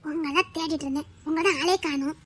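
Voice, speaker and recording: A woman voicing a sweet young village girl, talking softly and pleadingly in a family drama. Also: sits high, fairly even intonation, fast talker. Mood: gentle. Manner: soft, pleading and meek. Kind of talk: home-made family drama acting.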